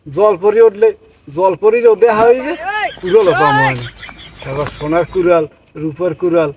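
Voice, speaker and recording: A man's voice: sits high, normal speed, noisy background, close to an everyday voice. A man playing a flustered village woodcutter. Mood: lamenting. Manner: flustered, stammering. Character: poor village woodcutter, simple and panicky. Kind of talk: comic folk-tale acting.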